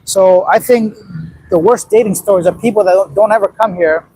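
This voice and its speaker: A man in his late thirties from Afghanistan hosts a casual livestream, rambling bluntly and reacting to viewer comments. His high voice is brisk, dark in tone, and husky, and the recording is rough.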